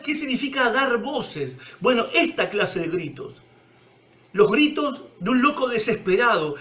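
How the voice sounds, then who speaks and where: A man with a Rioplatense accent preaching a sermon, emphatic, swinging from loud cries to hushed low tones. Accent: Rioplatense Spanish.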